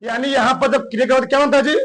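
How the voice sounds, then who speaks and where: High, bright-voiced male chemistry teacher. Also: steady tone, poor audio. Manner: drills students with call-and-response questions; dictates notes slowly, repeating words. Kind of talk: classroom lecture.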